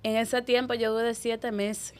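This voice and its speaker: A young woman, telling her life story as an interview guest, quick and animated, acting out the people she quotes. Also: a little high. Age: young adult. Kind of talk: emotional personal storytelling.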